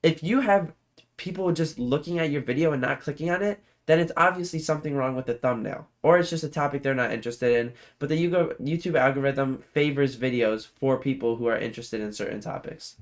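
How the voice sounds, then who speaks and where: A man's voice: medium pitch, brisk. Rambling man reacting to a video. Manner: rambling, many filler "like"s, easily impressed. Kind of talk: casual reaction commentary.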